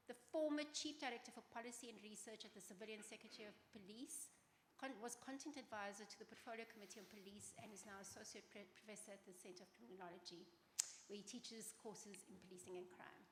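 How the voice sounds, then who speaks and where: A woman's voice: medium pitch, quick pace, noisy background. A woman moderating a live panel discussion at a festival, chatty and loose, laughing as she talks. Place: festival venue before an audience. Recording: roomy hall with long reverb, faint ambience.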